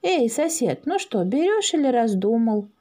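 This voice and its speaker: A woman voicing a kindly elderly village woman who exclaims in a high, fussy way. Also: very animated, moderate pace, dark tone. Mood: cheerful.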